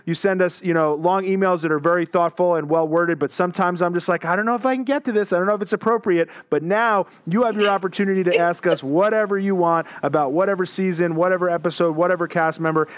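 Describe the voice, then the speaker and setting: A man's voice: sits high, clear, resonant tone, dry recording, clean studio sound. A man co-hosting a podcast, chatting casually and joking with callers in long run-on sentences. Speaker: podcast co-host.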